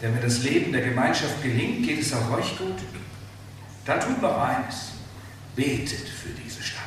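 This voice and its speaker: A man preaching a sermon, emphatic and animated, asking the listeners rhetorical questions. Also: mid-range voice, unhurried, distant mic. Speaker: pastor. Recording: very echoey hall, speaker off-mic, faint room noise.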